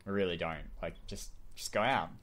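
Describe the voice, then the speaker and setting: Low-voiced man rambling through casual chat. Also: a little fast, fairly bright tone. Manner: rambling, with many restarts and fillers. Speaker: podcast co-host.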